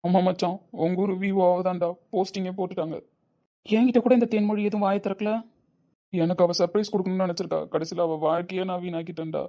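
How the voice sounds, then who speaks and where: A young husband torn by guilt and love, played by a man. His voice is high and fast, with a dark, mellow tone. He pleads with raw emotion. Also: fairly even intonation. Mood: despairing.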